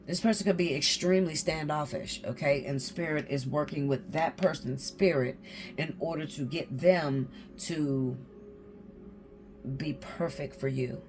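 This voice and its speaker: A woman giving a casual tarot reading to her viewers, blunt and swearing freely, often checking in with "okay?". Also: sits low. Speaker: tarot reader.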